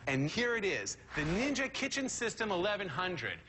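A middle-aged man giving an earnest, persuasive scripted infomercial pitch to camera as a product pitchman. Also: very animated, normal speed, pushed and bright, slight background noise. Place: studio kitchen set indoors.

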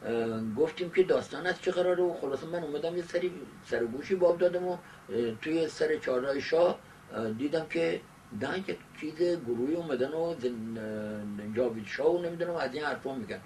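An elderly man recalls past events haltingly, with long hesitations, in an indoor interview. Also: a little high, a little mellow. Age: 70s. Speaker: interviewee giving oral history. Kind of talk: recollective personal narration. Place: small book-lined study indoors. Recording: distant mic, noisy amateur camcorder sound.

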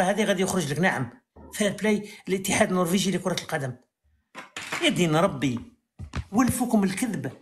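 A man with an Algerian accent hosting a live stream, talking fast and arguing with an exasperated edge. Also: high-pitched, a little hiss or hum. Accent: Algerian Arabic. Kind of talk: heated live stream debate. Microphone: phone on a live stream.

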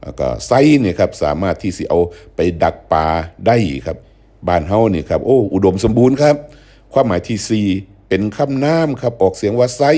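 A man's voice: on the low side, mellow. An older man, hosting a show and patiently explaining dialect words. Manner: patient, explanatory, acts out example phrases. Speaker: host.

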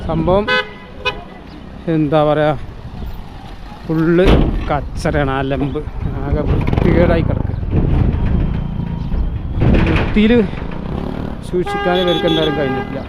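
A male travel vlogger with a Kerala Malayali accent and a slightly high voice talks casually to his viewers. He mixes English words into his Malayalam. Clear outdoor noise from boats and vehicles runs behind him. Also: a little slow, pauses often. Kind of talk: casual vlog commentary. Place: outdoors on a lake boat and shore. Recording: noisy outdoor boat and traffic ambience.

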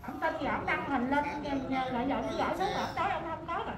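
A wife, arguing in a quick, exasperated way. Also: female voice, high-pitched, a crowd in the background. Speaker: wife in a marital dispute. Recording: far from the mic, echoey and noisy.

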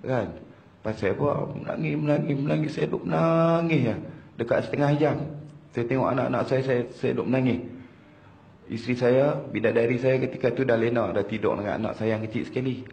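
A man in his thirties with a Malaysian Malay accent, giving an emotional religious testimony, repeating words and swinging between loud and hushed. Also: mid-range voice, a little fast. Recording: roomy hall with faint ambience.

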